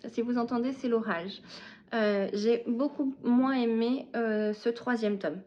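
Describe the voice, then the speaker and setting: Slow, hesitant woman podcaster. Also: fairly high pitch, a little mellow, highs cut off. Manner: hesitant, often searching for words. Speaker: knitting and reading podcast host. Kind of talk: casual podcast chat about knitting and books.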